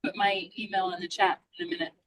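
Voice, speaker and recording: A woman's voice: medium pitch, flat delivery, quick pace, fairly bright tone, rough recording. A woman calling in on a car speakerphone while she drives, speaking in a casual, hesitant way with frequent ums and restarts. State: driving while talking. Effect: car speakerphone call. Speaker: caller from an advocacy organization. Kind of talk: casual chat. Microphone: phone speakerphone in a car.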